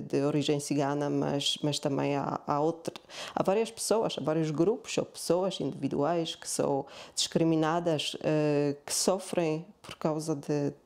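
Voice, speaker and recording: A woman who runs workshops, speaking haltingly and repeating words. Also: deep voice, warm tone. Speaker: workshop facilitator. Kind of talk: interview.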